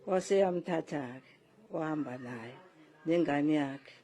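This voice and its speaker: A woman's voice: low-pitched, slow, mellow. An older woman from South Africa giving a spoken account of events as a relative. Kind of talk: spoken eyewitness-style account.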